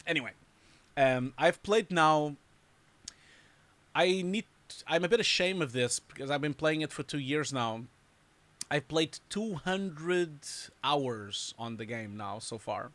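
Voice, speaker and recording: A man's voice: on the high side, expressive, slow, pauses often, fairly bright tone, no echo. A man hosting a live stream, chatting casually and rambling, laughing often. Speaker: host reviewing showreels. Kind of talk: casual livestream chat.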